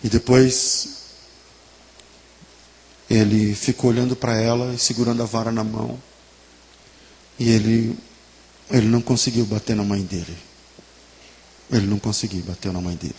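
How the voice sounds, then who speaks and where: A man preaching a sermon and telling a story with emotion, moving between hushed lines and emphatic ones. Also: on the low side, steady tone, moderate pace, pauses often. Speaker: pastor.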